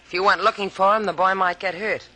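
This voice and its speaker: An actress playing a cool, sardonic young woman at sea, husky and quick in a 1950s radio drama. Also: mid-range voice, fairly even intonation, pushed and bright, low-quality recording. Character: young woman sidekick, cool but worried.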